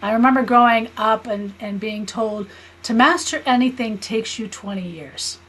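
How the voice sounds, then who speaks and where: A woman in her fifties with an American accent, a spiritual healer and teacher, talks as a guest in a conversational interview, explaining earnestly and often checking for agreement. Her voice is a little high and fairly bright with a breathy edge, at a normal speed, on poor audio.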